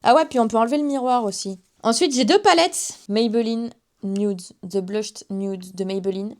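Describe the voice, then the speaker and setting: A woman's voice: on the high side, normal speed. Young woman, 19, casual beauty vlogger, rambling and self-mocking. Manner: chatty, self-mocking asides. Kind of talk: casual makeup haul chat to camera.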